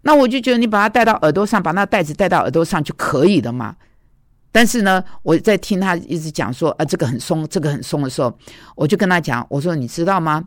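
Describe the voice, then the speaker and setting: A woman's voice: on the low side, animated, quick pace, no room sound, clean studio sound. A woman preacher giving a conversational, storytelling sermon, recounting arguments and dialogues from her own life.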